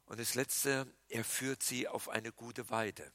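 Bright, dry-sounding preaching pastor, a man. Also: mid-range voice, takes it slowly, dry recording. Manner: animated preaching, swinging from loud emphatic lines to hushed quiet ones. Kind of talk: sermon.

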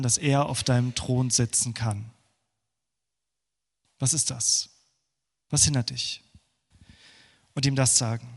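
A man preaching a sermon, moving between fervent passages and hushed, prayerful ones. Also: mid-range voice, creaky, slightly rough. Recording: long hall reverb.

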